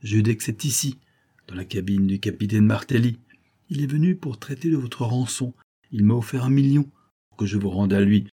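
A man voicing a scheming woman adventuress who speaks in a soft, coaxing, falsely sweet way in an audiobook reading. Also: fairly low pitch, normal speed, breathy edge. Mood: persuasive.

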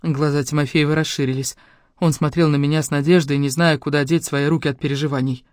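A woman narrating a romance novel in the first person, with an expressive, emotional reading. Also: deep voice, quick pace, no echo, studio quality. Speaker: audiobook reader.

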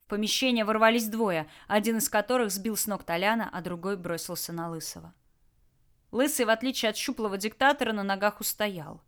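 A woman narrating an action audiobook with a lively, dramatic delivery. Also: medium pitch, a little fast. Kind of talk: expressive scripted narration.

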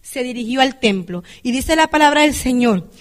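A woman with a high-pitched voice delivers a sermon to her congregation. She turns to the listeners again and again, asking whether they follow and calling them brother and sister. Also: expressive, moderate pace. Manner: keeps asking the congregation "right?". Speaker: lay preacher. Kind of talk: church sermon.

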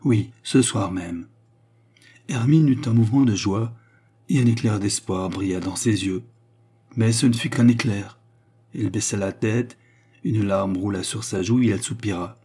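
A man narrating a classic novel as an audiobook in a measured, even way. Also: on the low side, breathy edge.

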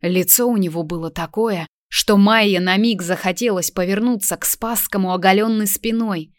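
This woman narrates a novel for an audiobook, her mid-range voice calm and even as she tells the story at normal speed. It's scripted, dry and of studio quality.

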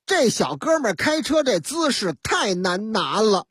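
A woman spins a news story like a comic storyteller, full of set phrases and asides. Her voice is slightly high and husky, and her pitch leaps about animatedly. The studio sound is dry and close. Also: sing-song, measured pace, fairly bright tone, no echo. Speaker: radio host.

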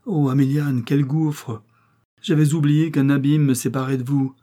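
Give me a lovesick young knight, as a man reads him aloud, pleading in fervent, theatrical lines. The voice is mellow and dark, with a faint husk to it. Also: medium pitch, fairly even intonation, moderate pace, voice pushed up, close to an everyday voice. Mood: anguished. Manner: impassioned pleading declamation.

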